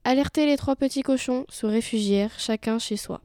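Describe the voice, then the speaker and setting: A woman narrates a fairy tale in a clear, measured way. Her voice is smooth and resonant, set a little high. The recording is dry and close. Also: mellow, dry recording. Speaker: storyteller. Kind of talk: storybook narration.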